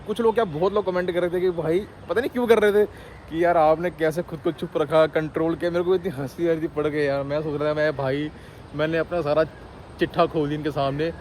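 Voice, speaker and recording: A man's voice: on the high side, fairly even intonation, fairly quick, darkish tone, slight background noise. A man talking casually to his viewers in a vlog, switching from mock scolding to easy chatter. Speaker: vlogger.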